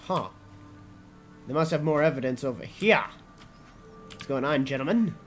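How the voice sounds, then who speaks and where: A man giving casual, sweary gameplay commentary, thinking out loud as he plays. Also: a little high, animated, moderate pace, faint music behind. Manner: musing aloud, sweary. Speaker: game streamer.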